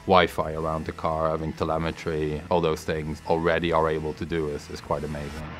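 A man explains the car's technical details in a documentary interview. His voice is very deep and flat, and music plays clearly underneath. He talks matter-of-factly and often repeats a word before going on. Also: fairly quick. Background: music bed.

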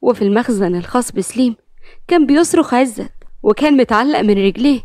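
A woman's voice: a little high, animated, fast talker, a little mellow, no echo, studio quality. A woman with an Egyptian accent narrating a serialized drama story. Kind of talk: scripted narration.

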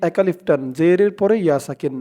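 A man teaching Quran reading in Bengali with a Bangladeshi accent, spelling out words letter by letter and chanting the verses slowly. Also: fairly high pitch, mellow. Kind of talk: slow step-by-step Quran recitation lesson.

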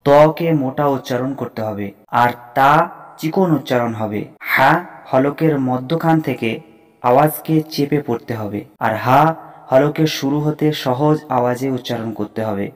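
A man's voice: mid-range voice, normal speed. A man teaching Arabic letter pronunciation as a Quran reading teacher, explaining step by step and repeating each letter name for learners. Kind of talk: slow, deliberate instructional lesson.

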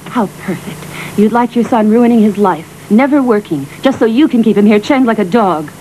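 A woman's voice: on the high side, lively intonation, normal speed, mellow, slight background noise, close to an everyday voice, rough recording. An actress playing an earnest mother pleading for her son in a dubbed film.

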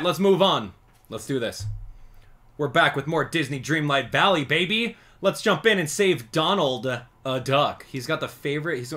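A man in his thirties commentates casually on a gaming livestream. His pitch swings widely as he chats with viewers, giving him an animated, easygoing streamer sound. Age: 30s. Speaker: livestream host playing a video game. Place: indoor streaming setup.

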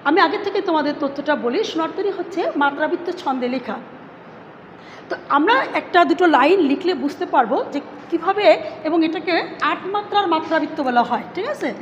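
A woman teacher with a high voice explains a lesson step by step, often checking with her students and drawing out syllables one at a time. The sound is dull and lo-fi, with a long echo and a faint hiss. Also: expressive, normal speed. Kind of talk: online class lecture.

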